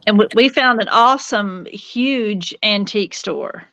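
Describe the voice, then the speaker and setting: A woman's voice: medium pitch, unhurried, pushed and bright, dry recording. A woman, chatting casually as co-host of a paranormal podcast from home. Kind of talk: casual chat. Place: home bedroom.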